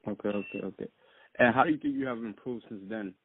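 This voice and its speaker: A man hosting a casual interview, asking short, relaxed questions. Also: on the low side, fast, slight background noise. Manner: relaxed, brief questions, says okay often. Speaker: interviewer host. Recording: tinny phone-line sound.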